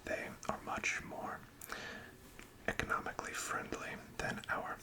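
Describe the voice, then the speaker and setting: Slow whispered role-play, breathy shop assistant. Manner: gentle, attentive, encouraging customer-service talk. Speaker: ASMR performer playing a card shop assistant.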